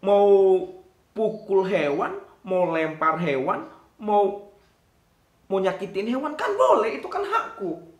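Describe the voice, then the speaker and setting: A man's voice: sits high, animated, takes it slowly, pauses often, reverberant. A man doing a whiny stubborn little kid. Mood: defiant. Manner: whining, insistent, rising protests. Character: whiny stubborn young child, complaining.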